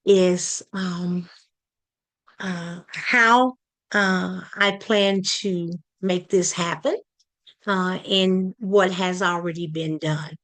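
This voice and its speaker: A woman from Texas, giving a halting community presentation full of fillers and restarts. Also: lowish voice, fairly even intonation, fairly bright tone. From Palestine, Texas. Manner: hesitant, many fillers and restarts. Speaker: community project leader presenting.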